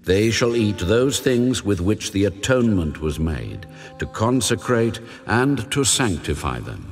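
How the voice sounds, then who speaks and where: An actor playing God as a solemn, commanding male deity, giving sacred instructions deliberately in a dramatized audio Bible. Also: lowish voice, sing-song. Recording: long reverb over background music. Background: music.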